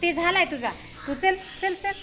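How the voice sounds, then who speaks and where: A woman teacher running a reading game with young pupils, giving brisk directions and frequent praise. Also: very high voice, lively intonation, over music. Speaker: primary school teacher. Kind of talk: classroom reading game instruction. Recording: noisy outdoor recording.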